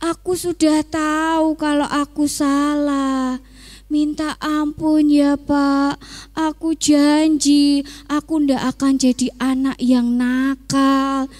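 A woman's voice: high voice, little pitch movement, takes it slowly, darkish tone, pitched above the performer's own voice. A woman voicing a young son who repents to his father and pleads for forgiveness. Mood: pleading.

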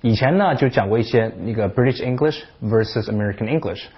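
A man hosting a casual video lesson on English, talking in an animated way and breaking off to imitate accents. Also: medium pitch, fast talker, breathy edge, highs cut off. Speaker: English teacher, channel host.

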